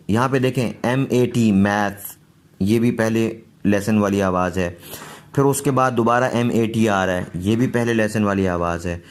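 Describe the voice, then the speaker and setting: A man teaching English pronunciation, explaining rules patiently and repeating each word slowly. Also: fairly low pitch. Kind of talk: slow pronunciation lesson.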